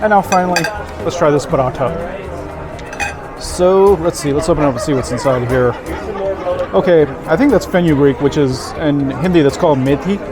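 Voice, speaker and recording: A man with a slightly high voice talks casually to camera as a food vlogger. He savors each taste with delighted approval, while music plays and a crowd chatters around him. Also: normal speed.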